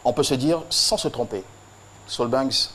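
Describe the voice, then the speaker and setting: A man's voice: medium pitch, a little slow, a bit bright, a little hiss or hum. A man delivering a tribute speech on a TV show, solemn and rhythmic, leaning on repeated phrases. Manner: solemn, rhythmic, with emphatic repetition. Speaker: tribute presenter.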